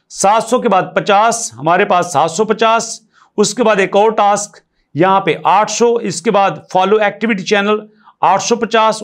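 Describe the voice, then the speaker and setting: A man talks viewers through a screen tutorial in a voice-over. He tallies numbers step by step, repeats his points and keeps urging them to listen closely. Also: sits high. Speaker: crypto tutorial YouTuber.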